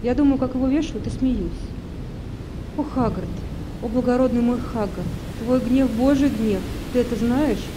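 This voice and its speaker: A woman's voice: on the high side, normal speed, natural voice. Woman doing a fervent young woman, intimate, bold, background hiss.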